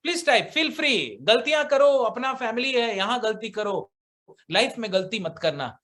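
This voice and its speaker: A man's voice: extremely high pitch, expressive, measured pace, a bit bright. A man leading an online motivational seminar over a video call. He stresses key words and repeats phrases for effect. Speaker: seminar trainer.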